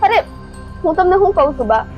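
A woman's voice: extremely high pitch, expressive, a little fast, lo-fi sound, faint music behind. A young woman, acting as a daughter-in-law who protests and pleads in a village family drama.

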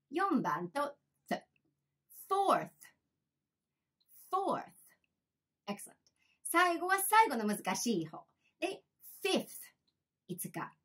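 A young woman teaching English pronunciation, drilling words slowly for the listener to repeat. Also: a little high, a bit bright, husky. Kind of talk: bilingual pronunciation lesson.

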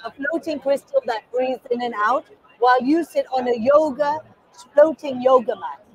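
Speaking at a moderate pace in a high voice, this middle-aged woman from Kenya is a guest artist being interviewed casually at an indoor expo booth. She's animated and enthusiastic, using her hands as she talks, and the recording quality is rough.

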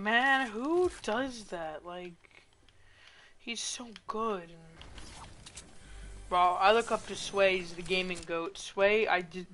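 A young woman playing a shooter game and chatting casually, playful and teasing, with bursts of excited yelling. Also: medium pitch, slight background noise. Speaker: gamer streamer. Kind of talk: casual gameplay chat.

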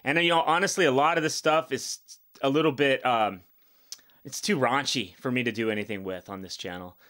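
A man's voice: medium pitch, fairly quick, sharp tone. A man in his fifties hosting a reaction video, talking bluntly and rambling in a casual way with many fillers. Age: 50s.

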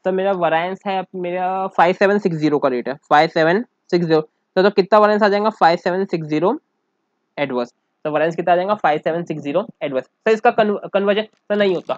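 A male commerce teacher with a high voice talks at a quick pace in a casual accounts class. Mixing Hindi and English, he works sums aloud, calls the listener "sir" again and again, and asks check questions. There is no echo, but the recording is dull, dry, and muffled.

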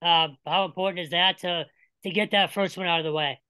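Bright-voiced reporter asking questions. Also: male voice, high-pitched, steady tone, fairly quick, clean tone, no echo, rough recording. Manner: friendly, hesitant questions with fillers. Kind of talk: press conference questions.

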